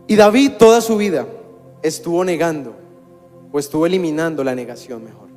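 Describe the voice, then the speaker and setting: High-voiced pastor preaching in a reverberant hall. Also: male voice, a little fast, darkish tone. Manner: conversational preaching with wry humor. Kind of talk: sermon. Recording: long church-hall reverb with faint music.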